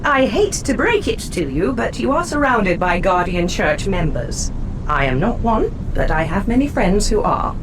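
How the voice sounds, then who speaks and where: A woman's voice: sing-song, normal speed, natural voice. A woman playing a capable, candid female officer in a video game, conversational and self-assured. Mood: candid, friendly. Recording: distant voice over vehicle rumble. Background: aircraft engine rumble.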